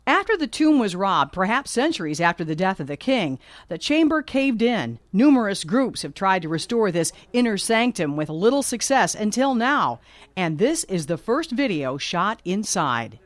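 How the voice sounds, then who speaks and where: A woman reporter giving a scripted documentary narration, measured and vivid. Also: medium pitch, very animated, no echo.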